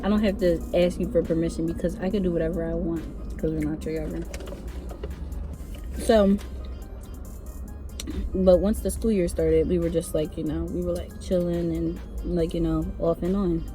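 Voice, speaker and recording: A young woman vlogger casually telling a personal story, chatty and animated with sing-song asides. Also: on the low side, normal speed, long pauses, over music. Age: young adult.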